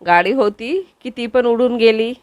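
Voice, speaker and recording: A woman's voice: on the high side, measured pace, no echo, pitched above the performer's own voice, close to an everyday voice. A woman voicing a fussy, sarcastic mother-in-law in a TV serial recap, reading her scolding lines in her own voice.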